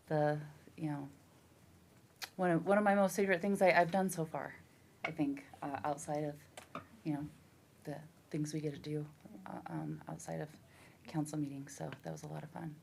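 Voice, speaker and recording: A councilwoman with a notably low voice gives her report in a council chamber. She sounds a little out of breath and halting, circling back through ums and restarts as she talks. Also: fairly even intonation, creaky, a little hiss or hum. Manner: hesitant, filled with ums and restarts. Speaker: city councilor.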